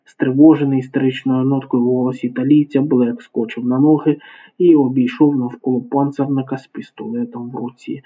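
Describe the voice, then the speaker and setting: Husky male audiobook narrator. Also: mid-range voice, flat delivery, brisk. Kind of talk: scripted narration. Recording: tinny phone-like sound.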